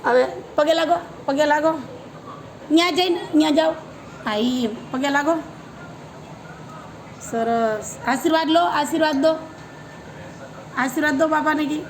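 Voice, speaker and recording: A woman's voice: high voice, unhurried, long pauses, rough recording. A woman talks a child through a home worship ritual. She repeats short commands in a coaxing, directive way. Faint background noise sits under her voice. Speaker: family member guiding a child's worship.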